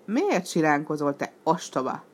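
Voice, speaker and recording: A woman voicing a mocking, boisterous male clown who jeers loudly in a raised voice. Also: sits low, sing-song, breathy edge, full character voice. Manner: raised, jeering and loud.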